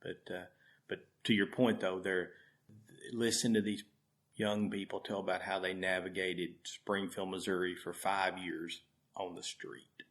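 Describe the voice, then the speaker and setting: Low gravelly man. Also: little pitch movement, measured pace, a bit bright. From Arkansas. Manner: heartfelt, rambling, repeats words. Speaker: guest, food charity volunteer. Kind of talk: storytelling in conversation.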